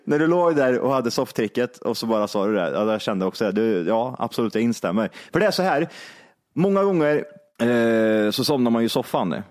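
A man, co-hosting a casual podcast chat, who laughs a lot, swears freely and repeats words when excited. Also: medium pitch, no echo, studio quality. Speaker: podcast co-host.

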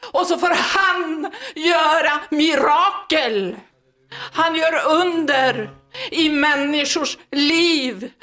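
A woman's voice: sits high, bright, forceful tone. A woman giving a fervent, sermon-like testimony at a church meeting, emphatic and breaking into laughter between phrases.

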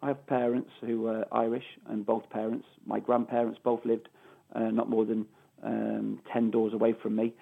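Over the phone, a middle-aged Mancunian man from Manchester, England, once a footballer, responds to interview questions with emphasis, restating phrases to drive points home. His lowish voice is flat in delivery, at normal speed, with vocal fry and slight roughness.

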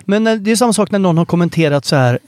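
A man with a notably high voice, trading dry, ironic teasing as a podcast co-host. His sound is close and dry with no room around it. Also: animated, a little mellow, no room sound. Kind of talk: casual chat. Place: outdoors by a car park.

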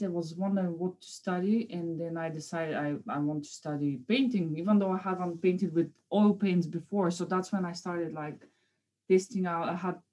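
A Bulgarian woman in her thirties, a guest artist, talks casually about her art in an interview, sounding hesitant with many fillers and restarts. Her voice is on the low side and a little mellow.

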